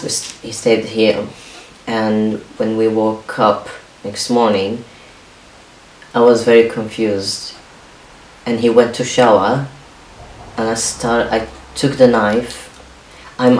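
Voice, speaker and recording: In this confessional home vlog, the young Arabic-speaking man talks in a fairly low, soft voice, hesitating and restarting often. He's indoors in a small kitchen, captured by a camera mic standing a few feet off, which sounds roomy and distant with faint hiss.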